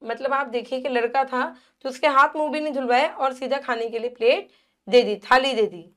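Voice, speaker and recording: High-voiced woman explaining a story. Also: normal speed. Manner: reads a passage, then paraphrases it plainly. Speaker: Hindi teacher. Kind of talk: reading and explaining a textbook chapter.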